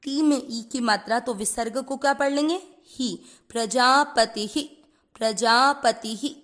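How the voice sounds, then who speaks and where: A woman teaching Sanskrit pronunciation. She breaks each word into syllables and then chants the whole verse slowly, mixing English words into her Hindi. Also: high-pitched. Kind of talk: slow syllable-by-syllable recitation lesson.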